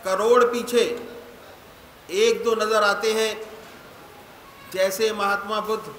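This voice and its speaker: A man preaches a spiritual sermon in a slow, measured, didactic way, pausing often between phrases. His voice sits high and sounds bright. It is recorded in a roomy hall with long reverb and faint ambience behind. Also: a little hiss or hum. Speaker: spiritual teacher.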